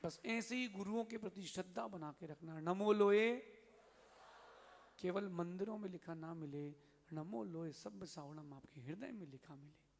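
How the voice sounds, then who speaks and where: A man, a Jain monk, giving a sermon and telling a story in a lively way, acting out the characters' lines. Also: high-pitched, moderate pace, gravelly, slightly rough. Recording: long hall reverb.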